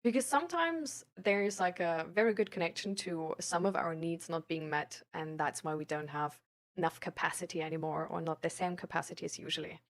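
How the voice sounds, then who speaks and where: This young adult live streamer talks fairly quickly in a fairly low voice, casually discussing mental health and self-improvement with her chat. She rambles through her explanations in an informal way, leaning heavily on filler tags.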